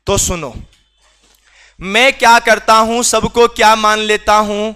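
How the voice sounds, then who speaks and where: High, bright-voiced man teaching a class. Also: little pitch movement, slow, smooth, soft background music. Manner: teasing, scolds students for not answering. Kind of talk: classroom lecture.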